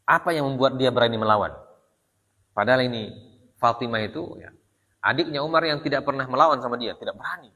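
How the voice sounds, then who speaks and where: A man's voice: mid-range voice, quick pace, long pauses, sharp tone. A man preaching a storytelling sermon, told with animation, rhetorical questions and a frequent "ya". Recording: long reverb of a hall.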